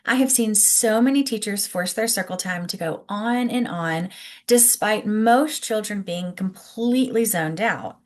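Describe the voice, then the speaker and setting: A woman presenting scripted teaching tips as an early childhood educator, explaining clearly and encouragingly and speaking directly to the listener. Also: medium pitch, unhurried, darkish tone. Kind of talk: instructional presentation, scripted narration to camera.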